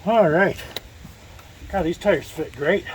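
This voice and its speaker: A man with a slightly raised voice talks casually through his work in a workshop, easygoing and thinking out loud. His breath grows heavy with effort now and then. A faint hiss of noise sits under the recording. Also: fairly high pitch, slow. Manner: relaxed, talks to himself while working, breathes hard from effort. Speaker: DIY builder vlogging his project. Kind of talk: casual self-narration while working.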